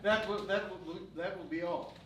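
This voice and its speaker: A man's voice: sits high, steady tone, moderate pace, heavy background noise, natural voice. An actor playing a fussy male film studio boss in a live stage sketch comedy, theatrical and stammering when flustered. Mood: bemused. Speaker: studio head narrating the story of his film. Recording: distant stage mic, echoey hall, loud audience laughter.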